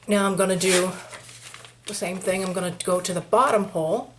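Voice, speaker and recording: Lady w a maine accent talking thru a craft project step by step, kinda low voice, lots of clicky noise. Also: steady tone, fairly quick. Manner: chatty, talks through each step, mutters asides to herself. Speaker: craft tutorial host. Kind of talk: hands-on craft tutorial. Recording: noisy home recording with clicks.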